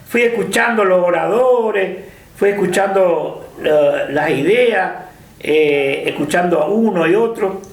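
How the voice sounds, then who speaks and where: Older man, Argentine accent, hesitant, full of fillers, high-pitched, roomy echo. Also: creaky. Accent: Argentine Spanish. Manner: hesitant, many fillers and restarts. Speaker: interviewee. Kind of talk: casual reminiscing interview.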